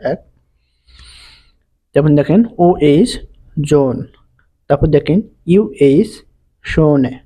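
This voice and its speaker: A man teaching a pronunciation lesson, spelling out letters and repeating each example word slowly. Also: fairly high pitch, mellow, husky. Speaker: language teacher. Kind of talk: slow explanatory lesson.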